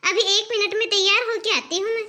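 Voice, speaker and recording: A woman's voice: very high voice, steady tone, fast talker, sharp tone. A woman voicing a lazy, sly young daughter-in-law in a cartoon, who talks in a coy, teasing way. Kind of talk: cartoon dubbing.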